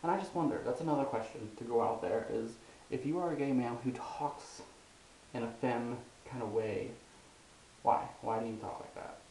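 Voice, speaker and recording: A man's voice: medium pitch, moderate pace, mellow. A young man talking casually in a personal vlog, rambling and hesitant with many ums and restarts. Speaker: vlogger. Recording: roomy echo, faint hiss.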